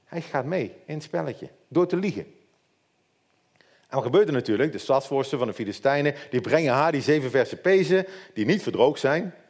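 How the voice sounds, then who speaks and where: A preacher giving an informal youth sermon, retelling a Bible story with humorous asides. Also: male voice, mid-range voice, lively intonation, moderate pace, darkish tone.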